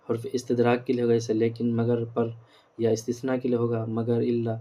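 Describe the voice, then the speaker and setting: A man's voice: medium pitch, completely flat delivery, dark tone. A man teaching an Urdu grammar lesson, explaining step by step and repeating terms and examples.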